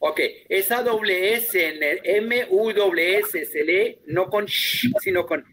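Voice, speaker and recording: Guy teaching german online, kinda high voice, patient, repeats stuff slow. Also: a bit bright. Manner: patient, drills pronunciation slowly. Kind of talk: online class instruction.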